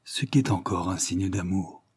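A man narrates a literary short story with measured, expressive pacing. His voice sits low and has a slightly husky grain, and the recording sounds dry and close. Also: dry recording. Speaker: audiobook reader.

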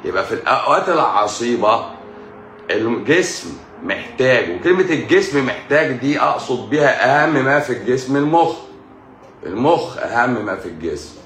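A man's voice: medium pitch, lively intonation, fairly quick, fairly bright tone, a little hiss or hum. A man with an Egyptian Arabic accent, a doctor giving a casual live-stream medical lecture, often repeating key words back as questions. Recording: echoey room, faint music.

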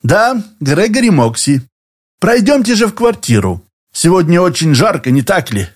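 Male narrator voicing suspicious, falsely courteous tenant; raised pitch, storybook reading. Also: big pitch swings, moderate pace. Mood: falsely polite. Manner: falsely polite, turning curt and wary. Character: smooth-then-suspicious middle-aged male tenant.

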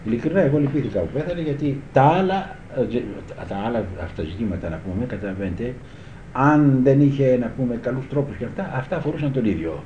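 An older man who teaches guitar looks back on the past in a rambling, chatty way, often asking his listeners if they understand. His medium-pitched voice is animated, and the echoey, dull old tape carries a little background noise.

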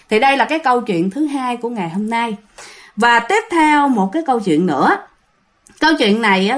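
A woman narrates ghost stories in a casual, animated style, talking directly to her listeners. Her voice sits high and swings widely in pitch as she builds suspense. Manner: animated, addresses listeners as "các bạn". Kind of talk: casual spoken storytelling.

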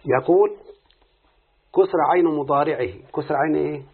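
A man's voice, somewhat high and at a moderate pace, comes through phone-quality lo-fi audio with a little background noise. Speaking with an Egyptian accent, he's teaching Arabic morphology and keeps firing questions at his student.

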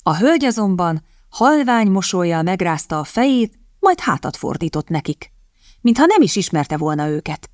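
A woman narrates a novel in a calm, even, measured reading. Her voice sits low, and the close studio mic gives a dry sound with no room echo. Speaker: audiobook narrator. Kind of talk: scripted narration.

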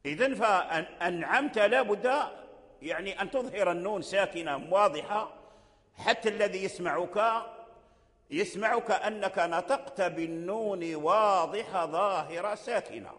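Man, sheikh giving a religious lecture, high voice for a man, slow and repetitive, long reverb hall. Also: fairly bright tone. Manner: repeats phrases, slow deliberate explanation. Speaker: sheikh teaching Quran recitation.

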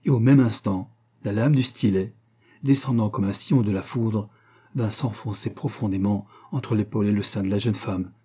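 A man reading a classic French tale aloud, with measured, dramatic storytelling. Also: lowish voice, steady tone, mellow, breathy edge. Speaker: audiobook reader. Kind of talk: literary narration.

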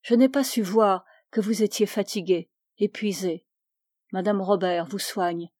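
A woman's voice: medium pitch, fairly even intonation, a little slow, darkish tone, no echo, clean studio sound, lightly acted. Woman reading as a remorseful young lover. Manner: pleading, self-reproaching.

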